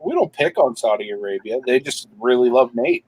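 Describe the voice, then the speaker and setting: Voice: medium pitch, expressive, brisk, darkish tone, breathy edge, low-quality recording. A speaker ribbing friends on a casual live stream, laughing at their own jokes. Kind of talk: casual joking chat.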